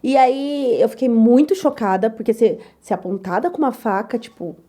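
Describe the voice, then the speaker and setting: A young woman chef telling her story in an interview, lively and loud, acting out the voices of others. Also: on the high side, normal speed. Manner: lively, acts out quoted voices, repeats "tal, tal"; says she talks loud and gruff. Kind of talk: animated personal storytelling.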